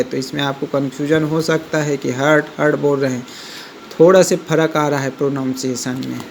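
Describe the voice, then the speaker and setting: A male teacher giving a vocabulary lesson, explaining slowly, repeating each word and spelling it out letter by letter. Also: sits high, a little hiss or hum.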